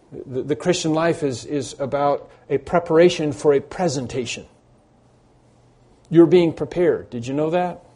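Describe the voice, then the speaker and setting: A man preaching an expository sermon, reading scripture aloud slowly and repeating key phrases for emphasis. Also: fairly high pitch, dark tone.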